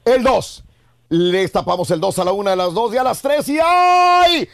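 Upbeat guy hosting morning radio, high voice, dry close studio sound. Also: moderate pace, vocal fry, dry recording. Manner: energetic, playful, repeats words. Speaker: radio show host. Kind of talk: morning radio show banter.

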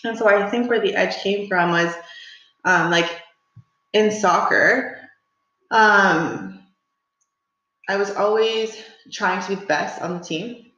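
A woman's voice: medium pitch, slow, pauses often, bright, forceful tone. A young woman co-hosting a podcast in casual chat, blunt and swearing freely, with frequent laughs. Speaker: podcast co-host, Muay Thai athlete. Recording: very echoey, dull lo-fi room sound.

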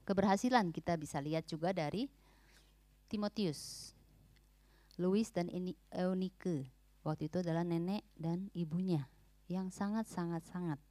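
A woman's voice: fairly low pitch, warm tone, no echo. A woman giving an informal, emphatic church talk on parenting, often mixing English words into her speech.

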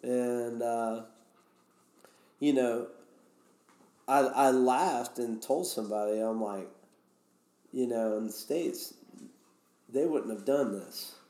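A man's voice: medium pitch, takes it slowly, long pauses, warm tone. Man, casual storytelling, rambling, restarts, echoey room. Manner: rambling, many fillers and restarts. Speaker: guest. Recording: roomy echo.

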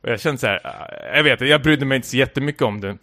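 A man's voice: medium pitch, bright, forceful tone, dry recording, studio quality. A man telling a long anecdote in casual chat, full of filler words, stumbles and restarts. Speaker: podcast co-host telling a story.

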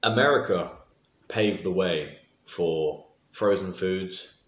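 A man's voice: low-pitched, takes it slowly. A young man, chatting casually among friends. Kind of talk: casual chat. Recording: roomy echo, noticeable background noise.

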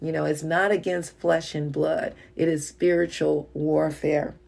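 A woman's voice: low voice, little pitch movement, a little slow, creaky, darkish tone, slightly rough. A middle-aged woman giving an informal devotional talk, conversational and full of fillers as she tells personal stories.

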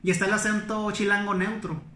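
A man's voice: high-pitched, a little fast, slight background noise. A man from Coahuila with a Coahuila accent, telling anecdotes in casual chat and acting out what people said. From Coahuila, Mexico. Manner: animated storytelling, acts out quotes. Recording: echoey room.

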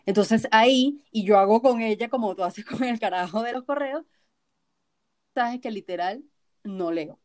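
A woman's voice: fairly high pitch, moderate pace, a little mellow. Venezuelan-accented woman, blunt co-host in casual chat. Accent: Venezuelan Spanish. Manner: frank, blunt, swears casually.

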